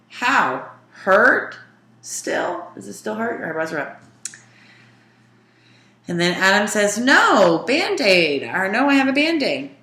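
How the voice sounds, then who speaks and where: A woman's voice: on the low side, bright, forceful tone, roomy sound. A woman teaching a sign language lesson, explaining grammar step by step and glossing example sentences. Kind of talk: casual teaching walkthrough.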